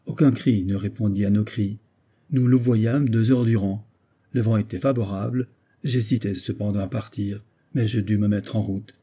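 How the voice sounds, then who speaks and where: Man reading a solemn sea captain, storybook audiobook, dark husky voice. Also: on the low side, steady tone, moderate pace. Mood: grave. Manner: grave, storytelling. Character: weathered male sea captain recounting an eerie tale. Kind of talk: scripted narration of a classic story.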